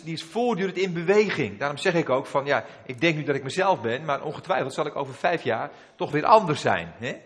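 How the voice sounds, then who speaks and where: A middle-aged man preaching a sermon, telling a personal story emotionally with frequent restarts and asides. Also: a little high. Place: church. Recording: long reverb of a church hall.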